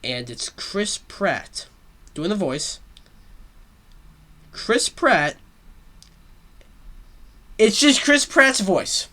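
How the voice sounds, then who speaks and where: A solo show host offers rambling, casual pop-culture commentary full of fillers and frequent swearing. His voice is high-pitched, bright and forceful, swinging widely in pitch, and he talks very slowly with long pauses.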